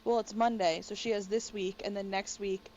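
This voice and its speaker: Talking fast and excitably in a medium-pitched voice, a woman co-hosts a casual podcast chat from her bedroom at home. The audio is dull and lo-fi, with faint noise.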